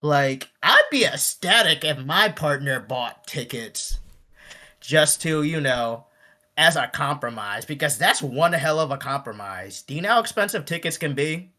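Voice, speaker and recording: Bright-voiced man, animated podcast host. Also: fairly high pitch, measured pace. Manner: animated, acts out quoted voices. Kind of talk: casual chat.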